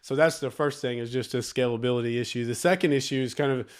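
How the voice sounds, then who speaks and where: A man speaks in a soft Southern Alabama accent with a drawl, at a middling pitch. He is getting over a slight cold. His delivery is that of a coach explaining in an interview, emphatic and encouraging, with key phrases repeated. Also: fairly even intonation, quick pace, clear, resonant tone. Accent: Southern Alabama, United States. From Alabama, United States. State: recovering from a cold. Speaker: data coach and interview guest.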